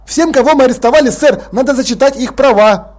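A man's voice: very high-pitched, brisk, darkish tone, pitched above the performer's own voice. A man voicing an earnest, dutiful young watch officer who speaks eagerly and by the rules.

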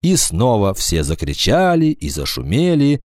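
A man narrating a children's story for an audiobook in a playful, expressive storytelling manner, recorded at home. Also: on the low side, a little slow, dry recording, studio quality. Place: home studio.

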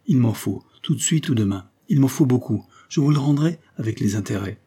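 A man's voice: mid-range voice, lively intonation, fairly quick, mellow, breathy edge, voice pushed up. A man reading the part of a weary young widow who turns nervous and insistent when money comes up. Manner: fretful, nervous, turning insistent.

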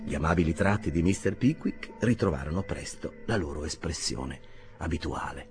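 A man narrating a classic novel aloud in a theatrical, expressive reading. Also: rumbling low, moderate pace, faint music behind. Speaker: audiobook narrator. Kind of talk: scripted narration, literary reading.

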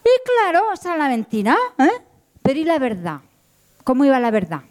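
A woman's voice: high voice, big pitch swings, brisk. A woman storyteller, telling a tale live, playful and full of sound effects and asides. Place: event hall.

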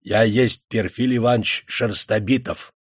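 A man's voice: mid-range voice, unhurried, husky, dry recording, studio quality. A man voicing a proud, defiant old male servant who speaks in a mocking, scornful way. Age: older.

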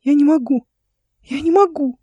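A woman voicing a frightened small boy servant who talks in a high, squeaky, breathless plea. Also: normal speed, mellow, no echo, muffled recording, close to an everyday voice. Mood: distressed. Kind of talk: audiobook character voice.

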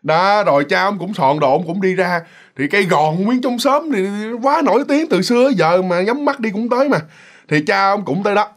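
A man's voice: high-pitched, animated, normal speed. A man telling a ghost story in a chatty, casual way, full of fillers and restarts. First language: Vietnamese.

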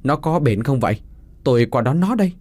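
A man's voice: medium pitch, expressive, a little fast, a little mellow, no echo, natural voice. A man voicing a frantic, grieving middle-aged village father who pleads and cries out in anguish. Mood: insistent.

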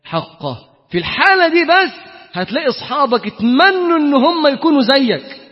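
A man preaching a colloquial sermon with an Egyptian accent, animated and emphatic, swinging between loud and quiet. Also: very high voice, a little fast. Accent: Egyptian Arabic. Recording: dull lo-fi sound with long hall reverb.

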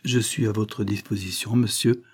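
A man reading aloud, voicing a polite, uneasy Parisian gentleman who speaks with reserve. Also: fairly low pitch, fairly even intonation, normal speed, slightly rough. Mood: reserved.

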